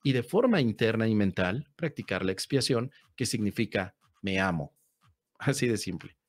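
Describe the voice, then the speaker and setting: A man's voice: on the low side, lively intonation, normal speed. A man gives a casual, playful podcast talk as a spiritual teacher, answering a listener in a slangy, conversational way.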